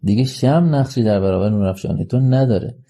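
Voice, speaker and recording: A lovesick, impulsive young man who declares his love at the top of his voice, played by a male reader. The voice is dark, mellow and husky, pushed higher when excited. It is a storybook character. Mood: elated. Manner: exclaiming, declaring loudly. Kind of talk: audiobook character reading.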